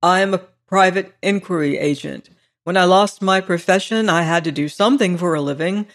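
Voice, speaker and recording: Man doing an earnest stiff ex-lawyer detective, brisk, slightly high voice. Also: fairly bright tone. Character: impulsive, stiff former solicitor turned detective. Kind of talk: audiobook character reading.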